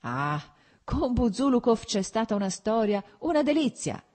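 A woman voicing a merry young male officer who tells gossip with excited exclamations. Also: low voice, normal speed.

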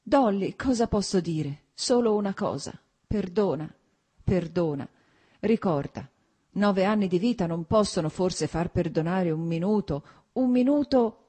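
A woman's voice: on the low side, sing-song, unhurried, warm tone, breathy edge, pitched above the performer's own voice, full character voice. A woman voicing a contrite husband who pleads tearfully for his wife's forgiveness in an audiobook. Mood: pleading. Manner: sobbing, pleading, trembling.

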